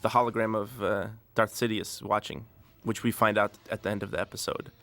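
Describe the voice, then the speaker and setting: Man giving a relaxed DVD commentary. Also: on the low side, brisk, vocal fry. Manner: relaxed, rambling, many fillers. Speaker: director.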